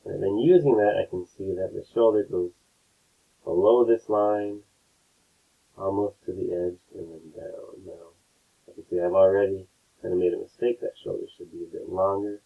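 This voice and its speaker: A low, gravelly male voice walks students through a painting demonstration in a relaxed, step-by-step way, often tagging his points with a quick question. The sound is a thin, low-quality stream that sounds like it is coming through a phone line. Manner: relaxed, explains step by step, keeps checking in with "right?". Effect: low-quality, tinny stream audio. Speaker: art teacher.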